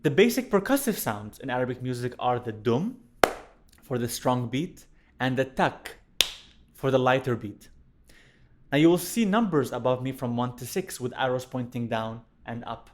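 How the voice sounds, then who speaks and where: A young man born in Iraq, a violinist teaching a music lesson to camera in a clear, explanatory way, recorded on a studio microphone indoors. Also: mid-range voice, expressive, moderate pace, slight background noise. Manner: clear, explanatory, chants rhythm syllables in time. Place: indoor studio room with plant. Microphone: studio condenser mic on stand.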